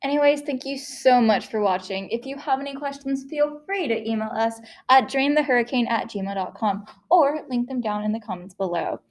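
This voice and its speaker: A teenage girl with a high voice reads her part of a student presentation aloud. Her delivery is careful and plain, with the odd slip and self-correction. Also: normal speed, few pauses. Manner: plain, careful reading with small slips. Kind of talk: reading a scripted class presentation.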